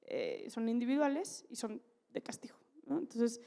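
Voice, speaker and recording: A woman with a Mexican Spanish accent, a conference speaker telling a story to an audience in a candid, lively way with slang and asides. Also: on the high side, moderate pace, creaky. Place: conference stage in a large hall.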